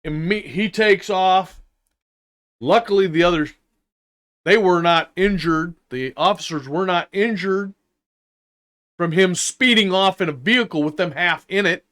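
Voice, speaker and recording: An older man giving an unscripted, indignant opinion rant, halting and deliberate, with long pauses and emphatic repetition. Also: high-pitched, fairly bright tone. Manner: indignant, emphatic, repeating phrases. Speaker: vlogger giving his opinion.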